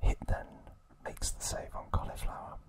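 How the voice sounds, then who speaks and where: In a soft, breathy whisper, the male host of an ASMR video goes over trivia, choosing his words deliberately and pausing along the way.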